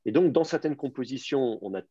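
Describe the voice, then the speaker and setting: Leading an online advanced Hebrew lesson, this male teacher walks through grammar and word roots, often restarting and using fillers. He speaks fairly quickly with lively intonation, his medium-pitched voice mellow with a breathy edge. The dry recording sounds dull and lo-fi.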